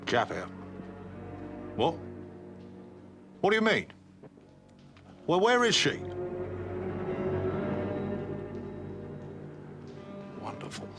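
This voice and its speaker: A blunt police chief inspector in a period television drama, plain-spoken and matter-of-fact. His voice sits somewhat low, with music clearly audible behind him. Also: animated, a little fast, fairly bright tone. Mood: alarmed. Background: background music.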